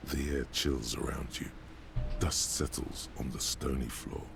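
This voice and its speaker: A gravelly, very deep narrator. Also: male voice, fairly even intonation, unhurried, exaggerated voice. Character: deep-voiced all-knowing male game narrator. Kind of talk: scripted game narration. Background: game music.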